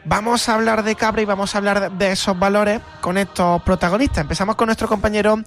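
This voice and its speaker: A man's voice: high voice, fairly even intonation, quick pace, fairly bright tone, faint music behind. A man hosting a radio interview, with a formal, announcer-like delivery. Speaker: radio host.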